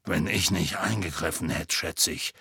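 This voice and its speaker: A man voicing a huge, gruff half-giant groundskeeper with a slow, raspy, folksy way of talking. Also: low voice, bright, forceful tone, dry recording, clean studio sound, voice pushed down, full character voice. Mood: grim gruff. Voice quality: gravelly, raspy.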